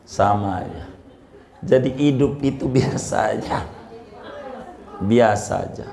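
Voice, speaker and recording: A man's voice: lowish voice, slow pace, vocal fry, dark tone, roomy sound. A man preaching in a casual, teasing way and often asking his listeners questions. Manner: chatty, teasing, asks the audience questions. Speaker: Islamic preacher. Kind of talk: casual sermon to a congregation.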